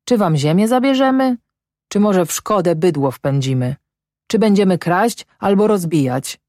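Sick old settler man, as a woman reads him, halting, broken phrases, weary, dry sound. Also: medium pitch, animated, warm tone, no room sound, voice pushed up, lightly acted.

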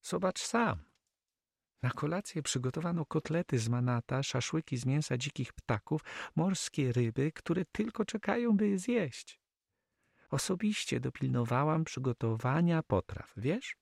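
A man voicing a tender, anxious young Flemish woman in an audiobook, in a soft pleading tone. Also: a little high, expressive, unhurried, creaky, slightly rough, no room sound, clean studio sound, pitched above the performer's own voice, full character voice. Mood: eager. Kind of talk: audiobook character reading.

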